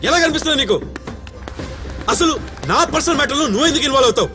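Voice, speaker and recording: An actor with a Telugu accent playing an arrogant, hot-tempered rich husband who shouts at his wife and narrates bitterly in a film drama. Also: fairly high pitch, a little fast, over music, lightly acted. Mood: furious. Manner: shouting angrily, then bitter voice-over narration.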